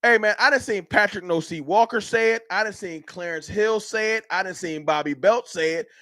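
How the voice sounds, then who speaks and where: A Dallas, Texas man hosting a sports fan stream live argues heatedly with his chat, animated and ranting. His voice sits high at a moderate pace, in studio quality with no echo.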